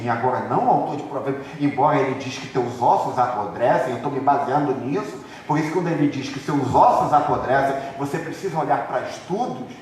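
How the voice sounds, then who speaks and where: A man from Rio de Janeiro, a pastor preaching an animated sermon, swinging between loud and hushed and acting out members of his church. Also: on the high side, slight background noise. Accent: Brazilian Portuguese, Rio de Janeiro. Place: large church hall. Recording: echoey church hall from far off.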